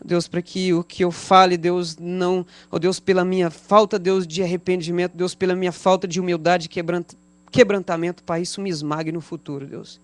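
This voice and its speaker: Fervent Brazilian pastor praying aloud. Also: male voice, sits high, little pitch movement, a little fast, no room sound. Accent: Brazilian Portuguese. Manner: fervent, repeats "Deus" and "Pai" between every phrase. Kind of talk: spontaneous spoken prayer. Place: church service.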